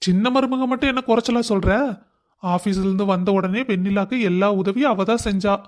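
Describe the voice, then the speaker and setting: A woman voicing an elderly, fond father-in-law who speaks slowly in a village manner. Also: mid-range voice, darkish tone, pitched below the performer's own voice, close to an everyday voice.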